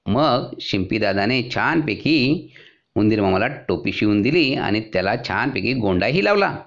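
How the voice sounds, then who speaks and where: A man narrating a children's story in a lively storytelling manner. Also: lowish voice, moderate pace, vocal fry, lo-fi sound.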